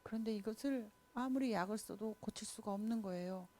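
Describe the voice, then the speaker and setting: A woman's voice: medium pitch, a little fast, a little mellow. A woman teaching a children's Sunday school class, telling a Bible story expressively and speaking directly to the children.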